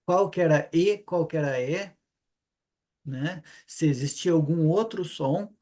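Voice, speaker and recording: A man's voice: fairly high pitch, measured pace, a little mellow. A man with a southern Brazilian accent teaching a casual online Hebrew class, chatty and informal, often checking in with "né?" and "ok?". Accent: Brazilian Portuguese, southern (Paraná). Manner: chatty, informal, rhetorical questions and frequent "né?".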